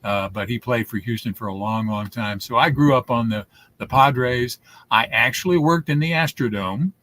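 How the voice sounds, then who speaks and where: A man's voice: medium pitch, normal speed, fairly bright tone. A man in his seventies, a guest telling stories in a casual interview, rambling with many restarts. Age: 70s.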